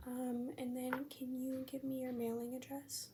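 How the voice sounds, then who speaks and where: A young American woman in an ASMR role-play as a friendly librarian, speaking in a gentle, unhurried, breathy library soft voice. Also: sits high, level tone. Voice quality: soft-spoken, breathy near-soft voice. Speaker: ASMR performer playing a librarian at checkout. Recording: faint background noise.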